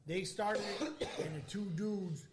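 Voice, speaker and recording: A man's voice: high voice, measured pace, noisy background. A man telling stories in casual chat, explaining things loosely with informal slang.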